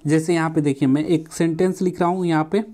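A man's voice: fairly high pitch, fairly even intonation, fast, dark tone. Male teacher, board lesson, repeats phrases, self-answered questions, words. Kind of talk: classroom lecture at a board.

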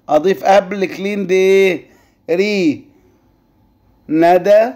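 Male Egyptian teacher, higher pitch, warm mellow tone, careful drawn-out classroom delivery. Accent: Egyptian Arabic. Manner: slow careful word-by-word reading, drawn-out model pronunciation. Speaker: English teacher. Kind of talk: classroom lesson explanation.

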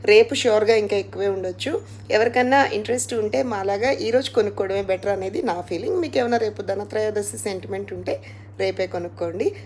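A woman's voice: medium pitch, fairly quick, darkish tone, a little hiss or hum. A woman chatting casually to her viewers in a home vlog, mixing in English words. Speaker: vlogger.

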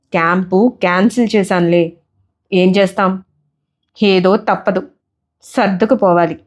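Woman doing a blustering burly officer, low and slow, lecturing. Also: lo-fi sound, natural voice.

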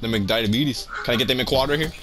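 A man's voice: mid-range voice, brisk. A young man hosting a gaming video, bantering and joking in a hyped, playful way over voice chat. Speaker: gaming channel host. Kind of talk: casual gameplay banter. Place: online game voice chat. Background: game music.

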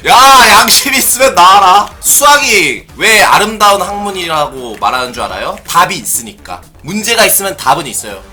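A man giving playful let's-play commentary on a racing game, often shouting excitedly. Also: high-pitched, moderate pace, hardly any pauses, faint music behind. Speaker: gaming streamer.

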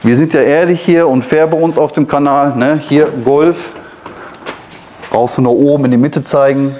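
Chatty Ruhr-accented car dealer. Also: male voice, a little high, fairly even intonation, moderate pace, mellow. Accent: German, Ruhr area. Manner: chatty, frequent filler tags and asides to viewers. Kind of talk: casual car walkaround presentation. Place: car dealership showroom, partly inside a car. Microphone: lapel mic.

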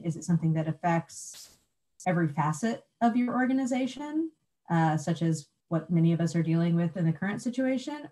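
Panelist, woman, very low voice, thoughtful, filler-heavy. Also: dark tone. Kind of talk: panel discussion. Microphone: video call.

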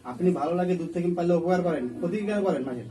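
Fast-talking insistent man, recorded from a distance. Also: fairly high pitch, mellow. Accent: Bangladeshi regional Bengali. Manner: insistent, admonishing, repetitive. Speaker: exorcist questioning a possessing jinn. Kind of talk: colloquial spoken negotiation. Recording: distant mic, faint background noise.

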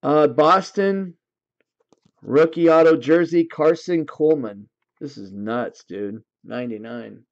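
Man slowly reading hockey card pulls. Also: fairly high pitch, dull audio. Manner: casual, reads card names in quick lists. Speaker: card break host. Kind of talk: livestream card break commentary.

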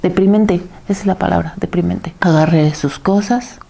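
Mexican woman, middle-aged, low gravelly voice, halting and tearful, drops into whispers. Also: warm tone. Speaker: bereaved mother. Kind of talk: personal testimony.

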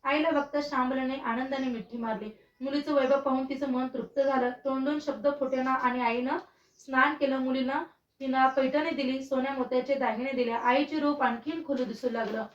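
A woman's voice: sits high, steady tone, moderate pace. A woman steadily reciting a devotional story in a rhythmic way, in a roomy, distant recording. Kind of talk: reading a devotional vrat story. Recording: roomy, distant, dull sound.

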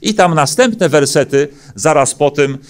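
A man's voice: a little high, expressive, unhurried. A middle-aged Polish pastor delivers a sermon from a lectern microphone in a church hall. He builds earnest, emphatic rhetorical questions, broken up by frequent hesitant fillers. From Poland.

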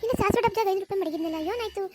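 A performer voicing a sharp-tongued village wife, scolding rapidly in a cartoon. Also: very high voice, no echo. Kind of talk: cartoon voice acting.

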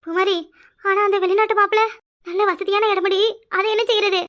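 A scheming, bossy village mother from a cartoon squeals her scolding in a very high, piercing tone, voiced by a woman. She speaks with a Kanyakumari Tamil accent and a rapid, nagging rhythm. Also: steady tone. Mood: remorseful. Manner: shrill, scolding, fast, rising to yells. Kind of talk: cartoon voice acting.

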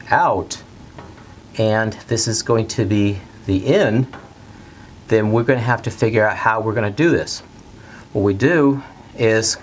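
Steady middle-aged man teaching at a whiteboard. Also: fairly low pitch, a little hiss or hum. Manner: plain, steady, repeats key steps slowly. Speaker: HVAC instructor. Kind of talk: whiteboard technical lesson. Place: bright indoor studio at a whiteboard.

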